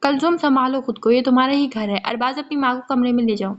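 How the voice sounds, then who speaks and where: A woman's voice: high voice, natural voice. A woman voicing a stern, domineering father who gives commands, in a muffled lo-fi recording. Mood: commanding. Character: stern older patriarch, domineering husband.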